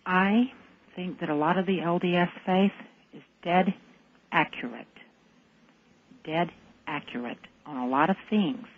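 A woman calling into a radio talk show, speaking in an intense, deliberate and defiant way. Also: on the low side, slightly rough. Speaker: caller. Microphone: phone. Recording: tinny phone line.

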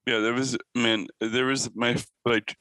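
A man guests on a casual podcast, his voice bright and sharp-edged. He rambles through anecdotes, filling gaps with ums and laughing along the way. The recording is close and dry. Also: mid-range voice, little pitch movement, a little slow, no echo, rough recording. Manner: laughing, rambling storyteller with many fillers. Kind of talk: casual chat.

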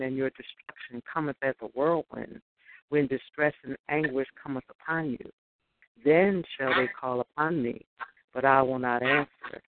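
Woman caller on a clipped phone line. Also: rumbling low. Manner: measured, preacherly recitation. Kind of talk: calling in, reciting scripture. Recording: tinny phone line, faint noise.

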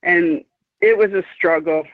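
Calling in on a dry, tinny phone line, a woman around fifty speaks at a measured pace in a voice on the low side. Her casual chat is emphatic, outspoken, and rambling, with occasional swearing.

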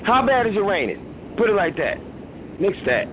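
High-pitched, animated man on a tinny line. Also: moderate pace, background noise. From Philadelphia. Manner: rambling, animated, acts out quotes. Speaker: radio show host. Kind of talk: casual radio talk.

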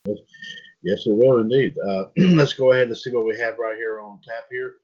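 A man's voice: mid-range voice, normal speed, darkish tone, breathy edge. A man hosting a casual pop culture news podcast, reading headlines aloud and stumbling over names. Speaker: podcast host. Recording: dull lo-fi sound.

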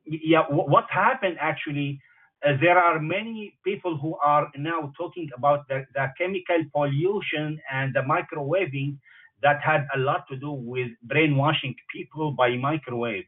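A man's voice: a little high, normal speed. A man talking over a speakerphone in a group call, hesitant and repeatedly calling for attention. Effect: on speakerphone, sounds far away. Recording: tinny phone line.

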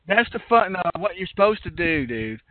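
A man's voice: high-pitched, very animated, normal speed. A man on a casual podcast, teasing and swearing, often laughing. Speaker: podcast co-host. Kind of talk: casual chat. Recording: dry phone-like line.

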